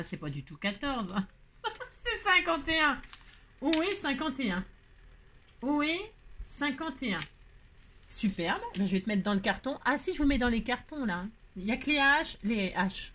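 A woman hosting a crafting channel, chatting casually and exclaiming with delight as she opens mail, with many fillers, and talking to the items she unpacks. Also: medium pitch. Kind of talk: casual chat while opening mail.

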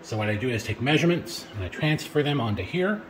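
Filmed from a tripod-mounted camera across a big garage, this middle-aged home improvement vlogger talks through a project step by step, casually and quickly. He sounds animated, with a medium pitch and the odd filler word, and the echoey audio carries a little hiss or hum.

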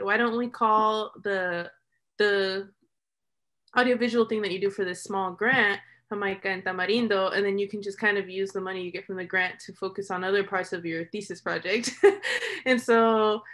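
Speaking on a video call through her computer mic, a young American woman who makes documentaries chats casually and discursively about her work. Her voice is medium in pitch and fairly bright, and she says "like" often and chuckles as she talks. She's indoors in a small room at home.

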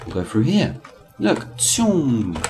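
A man's voice: medium pitch, huge pitch swings, takes it slowly. A man giving casual, sweary, joking commentary while he plays a video game. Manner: sweary, joking running commentary with sudden silly voices. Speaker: gamer playing and commenting. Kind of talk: casual let's-play commentary. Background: game music.

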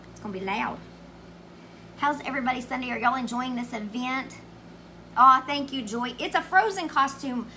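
A chatty middle-aged woman with a drawl runs a live craft show. Her voice sits high and sounds bright and clear. She keeps greeting viewers by name as she works. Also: a little hiss or hum. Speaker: craft livestream host. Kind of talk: casual live craft demo.

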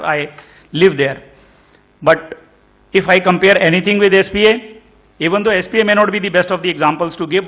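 A man's voice: on the high side, a bit bright. A middle-aged man with an Indian English accent, speaking earnestly as a panelist at a conference table mic, often restarting his sentences. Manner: earnest, concerned, many restarts. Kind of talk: panel discussion remarks. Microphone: table microphone on stand.

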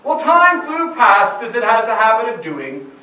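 A man's voice: extremely high pitch, very animated, normal speed, pushed and bright. A man telling ghost stories at a Halloween party, with a dramatic, suspenseful delivery. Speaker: storyteller. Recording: echoey room from far off, noisy.

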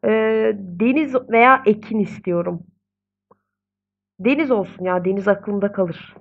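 A woman's voice: medium pitch, measured pace, gravelly, phone-quality sound. A young woman casually commenting on her own gameplay. She chats, gets exasperated, and coos at the babies in the game. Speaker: gaming video host.

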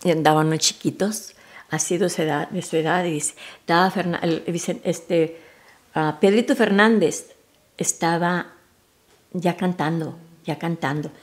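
An older woman in her seventies with a Mexican Spanish accent, telling family stories. Her voice sits fairly low, and her talk rambles and restarts, often sinking into soft, near-whispered asides. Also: steady tone, a little slow. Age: 70s. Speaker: mother recalling family memories. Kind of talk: informal family storytelling.

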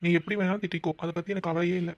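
A man's voice: high voice, level tone, very fast, close to an everyday voice. A man voicing a defensive, pleading young boyfriend in a cartoon, in a dull, dry, lo-fi recording. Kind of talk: cartoon voice acting.

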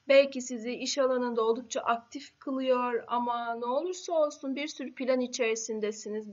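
A woman astrologer giving a horoscope talk, unhurried and halting with drawn-out filler sounds, her voice a little hoarse after being ill. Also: fairly high pitch. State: voice slightly hoarse after illness. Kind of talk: monthly horoscope talk to camera. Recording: dull lo-fi recording.

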